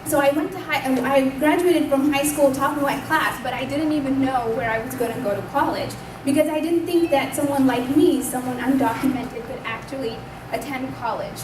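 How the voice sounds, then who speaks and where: Young woman, twenties, high voice, earnest personal testimony at a podium, off-mic in an echoey room. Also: moderate pace, few pauses. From Pakistan. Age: 20s. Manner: earnest, conversational, speaks up loudly. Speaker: invited speaker at a community event. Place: community hall. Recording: echoey room, distant mic, background noise.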